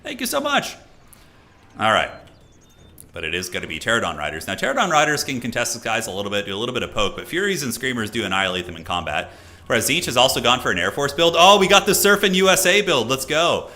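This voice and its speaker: Chatty man with a bright voice. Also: mid-range voice, very animated, quick pace. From United States. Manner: loose and chatty, many fillers and restarts, reads chat aloud. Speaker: streamer and caster. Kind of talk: casual live-stream chat and game commentary.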